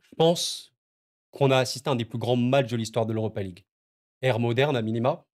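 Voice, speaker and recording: A man's voice: medium pitch, brisk, a little mellow. A man reacting to a football match on his video channel, agitated and emotional, stammering and repeating himself as he talks to his viewers. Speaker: football YouTuber. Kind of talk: excited football reaction vlog.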